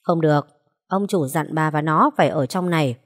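A woman voicing a gruff male guard who threatens and gives orders. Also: sits low, normal speed. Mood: threatening. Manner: curt, threatening.

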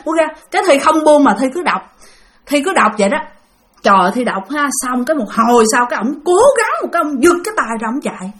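A woman with a voice on the high side casually tells a spooky story from her own experience. She refers to herself in the third person and speaks directly to her listeners.

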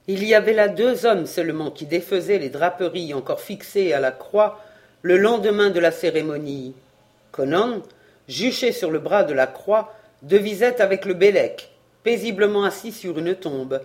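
A man reading a novel aloud as an audiobook narrator, giving the quoted dialogue a lively voice. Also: high voice, moderate pace. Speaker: audiobook reader. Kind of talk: scripted narration.

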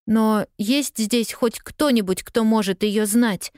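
A woman's voice: fairly high pitch, a little slow, darkish tone, smooth, no room sound, clean studio sound, voice pushed up, close to an everyday voice. A woman voicing a lost young girl who is tearful yet stubbornly cheerful, talking in an eager, pleading way.

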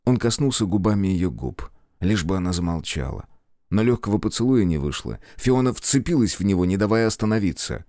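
A man narrating an audiobook in measured, expressive scripted narration. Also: deep voice, no room sound, clean studio sound.

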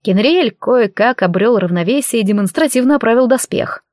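A woman narrating a fantasy audiobook with lively, expressive storytelling. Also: a little high, moderate pace, no echo, studio quality.

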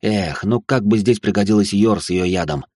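A man's voice: on the low side, fairly quick, a little mellow, no echo, studio quality. A man narrating a fantasy story in the first person, with wry sarcastic asides.

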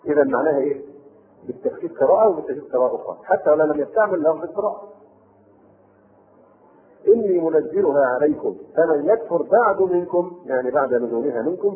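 A man with an Egyptian accent gives a fast-paced Quran commentary lesson. He reads the classical text, then breaks into colloquial asides and corrects himself along the way. His voice sits a little high, and the tape sounds narrow and tinny. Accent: Egyptian Arabic. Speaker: Quran tafsir teacher.

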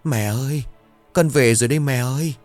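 A man's voice: medium pitch, brisk, a little mellow, faint music behind, voice pushed up, close to an everyday voice. A man voicing the ghost of a drowned young woman, raising his voice and speaking in a trembling, tearful, faint way. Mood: weeping.

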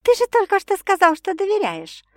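Woman doing a feisty young heroine, high and shrill, indignant and insistent, audiobook voice, dry close sound. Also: very animated, normal speed, darkish tone, no echo. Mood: indignant, teasing. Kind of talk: audiobook character voice.

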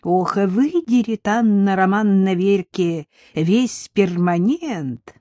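A woman's voice: mid-range voice, animated, slow pace, warm tone, no echo. A woman voicing a small, nosy old village woman who gossips and knows everything, in an audiobook. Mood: gossipy. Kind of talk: audiobook character voice.

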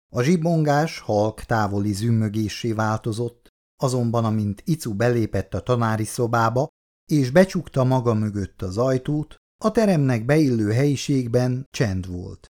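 A man narrates a novel aloud in an expressive storytelling manner. His pitch is lively and varied, sitting at an ordinary male level.

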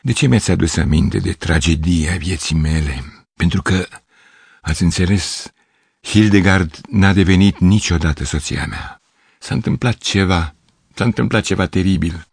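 A man's voice: sits low, vocal fry, slightly rough, no echo, studio quality, full character voice. A man voicing an aging male piano teacher who is pompous and self-pitying, with a theatrical, pathetic way of declaiming. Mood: mournful.

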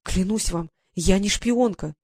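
A woman's voice: mid-range voice, measured pace, a little mellow, no echo, studio quality. A reader voicing a frightened, naive young English lady who pleads and holds back tears. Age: young adult. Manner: pleading, tearful.

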